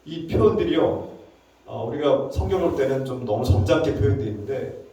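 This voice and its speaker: A male pastor preaching a sermon in an animated, emphatic way, with the odd chuckle. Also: mid-range voice, a little fast. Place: church sanctuary. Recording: echoey church hall, distant mic.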